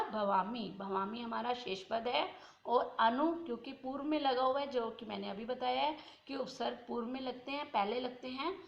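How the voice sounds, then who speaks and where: High, gravelly-voiced woman teaching in an echoey room. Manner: patient, asks and answers her own questions, drawn-out recitation. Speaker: Sanskrit teacher. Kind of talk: classroom lesson explaining exercises.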